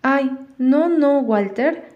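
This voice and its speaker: A woman voicing a spirited young girl who talks in an excitable, pleading way. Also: fairly high pitch, a little slow, lo-fi sound, close to an everyday voice. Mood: earnest.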